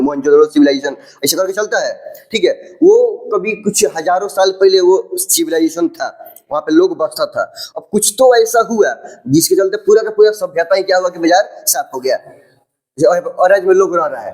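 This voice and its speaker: A man's voice: high-pitched, a little mellow, rough recording. A man teaching a biology lesson in mixed with English terms, explaining step by step and often asking whether the class is following. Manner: keeps checking if students follow. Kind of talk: classroom lecture at a board.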